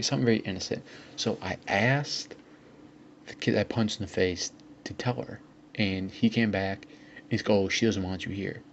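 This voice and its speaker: A man's voice: fairly low pitch, vocal fry. Young man rambling through a story. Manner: rambling, filler-heavy retelling with quoted dialogue. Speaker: vlogger. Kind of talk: casual storytelling. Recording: dull lo-fi sound with faint hiss.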